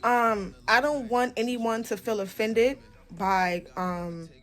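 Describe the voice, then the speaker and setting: Taking it slowly in a steady tone, a young adult woman from the United States vlogs a slangy storytime with a slightly high voice. She's dramatic and emphatic, curses freely, and repeats phrases for effect.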